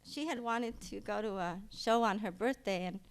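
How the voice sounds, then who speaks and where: A middle-aged woman speaks at a funeral, telling stories about her mother. Her delivery rambles, with fillers and false starts, and she grows loud and lively when a story lands. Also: mid-range voice, moderate pace, smooth. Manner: grows loud and animated at the punchlines. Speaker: daughter giving a eulogy. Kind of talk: funeral eulogy, personal anecdotes. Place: funeral service.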